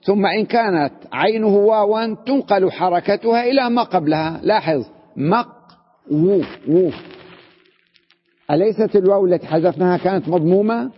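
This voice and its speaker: A man teaches a grammar lesson, his husky voice sitting a little high. He puts questions to the class, answers them himself and repeats words to drive each point home. The recording is dull and lo-fi, with a long reverb from a hall. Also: fast talker, few pauses. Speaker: sheikh teaching Arabic grammar.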